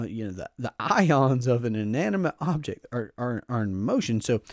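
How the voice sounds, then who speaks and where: A man's voice: medium pitch, darkish tone, dry recording, studio quality. A man giving an emphatic, explanatory talk about personal finance, repeating phrases for stress and restarting his sentences. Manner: frequent self-restarts, casual asides. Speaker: finance educator.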